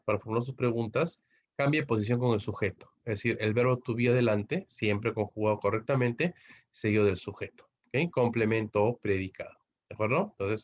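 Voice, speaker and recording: A man's voice: lowish voice, brisk. A man with a Peruvian Spanish accent teaching an English grammar lesson online, explaining step by step and checking in with frequent tag questions. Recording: dull lo-fi recording.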